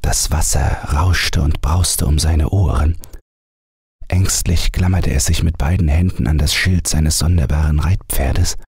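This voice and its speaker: A man reading a fairy tale aloud as a calm bedtime audiobook narrator. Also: extremely low pitch, gravelly, husky, no room sound, studio quality. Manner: measured storytelling voice.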